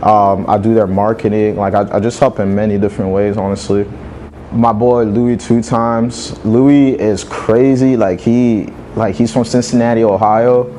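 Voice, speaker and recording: Laid-back young man with a mellow voice. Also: fairly low pitch, steady tone, moderate pace, a little hiss or hum. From Saint Martin, French side. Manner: laid-back, peppers speech with "like". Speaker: music manager and show promoter. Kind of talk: casual interview talk.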